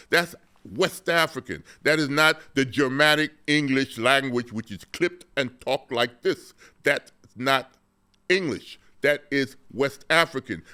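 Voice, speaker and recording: A male host giving a fervent history lesson on his show. He talks emphatically, doubling words for stress and tagging points with "okay?". His voice is bright and forward, with a smooth, clear ring. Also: mid-range voice. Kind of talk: passionate educational talk.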